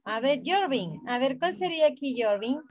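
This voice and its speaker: A woman's voice: sits high, expressive, normal speed, dry recording, poor audio. A woman English teacher who speaks patiently, repeats each phrase in English and then in Spanish, and quizzes her students by name.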